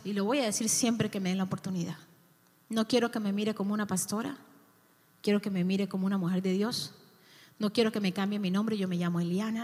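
A woman's voice: medium pitch, darkish tone, long reverb tail. A woman, a youth pastor preaching a sermon in a church, with impassioned, emphatic repetitions.

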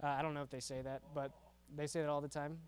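High-voiced young-sounding pastor preaching casually. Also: male voice, flat delivery, fast, clean tone. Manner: conversational, repeats words, frequent "right?" tag questions. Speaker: youth pastor. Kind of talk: casual youth sermon.

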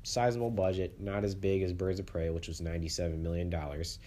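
A man's voice: sits low, little pitch movement, fast talker, dark tone. A man hosting a casual solo movie podcast, rambling and repeating words, congested and sniffling with the flu.

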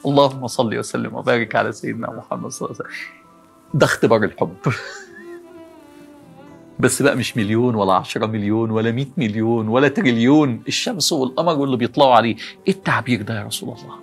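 Brief: Egyptian male preacher, quick delivery, animated rhetorical questions, faint music underneath. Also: medium pitch, vocal fry, slightly rough. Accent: Egyptian Arabic. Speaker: preacher addressing young people. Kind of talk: motivational religious talk.

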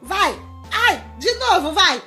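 A woman telling a children's story at home, animated and talking straight to her audience. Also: high-pitched, a little slow, faint music behind.

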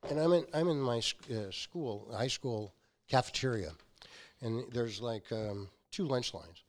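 His mid-range voice runs a little slow as this sixty-something founder tells stories as a guest. He's an animated storyteller, acting out the quotes in his casual anecdotes.

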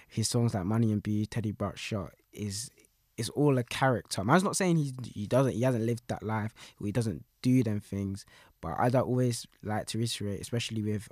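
A man's voice: lowish voice, moderate pace, darkish tone, dry recording, studio quality. A young man with a London roadman accent talks casually in loose, slangy street language, often repeating his phrases. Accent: London roadman, Multicultural London English. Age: young adult. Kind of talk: casual conversation about music.

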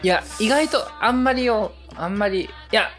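A man hosting a podcast in London, chatting casually and relaxed with lots of fillers. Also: high voice, moderate pace, faint music behind. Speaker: host, izakaya owner persona. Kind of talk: casual chat.

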